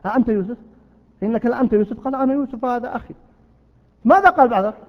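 A man preaching, his voice very high and his delivery quick. He tells stories and acts out the quoted exchanges. The recording is dull and lo-fi, with a long reverb trailing each phrase. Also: expressive. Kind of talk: sermon to a gathering.

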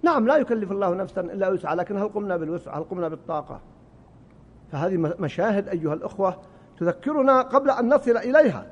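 A man's voice: sits high, expressive, racing, slightly rough. A man preaching a sermon, impassioned, his voice rising and falling, sometimes stumbling over and repeating words. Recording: muffled hall recording with reverb.

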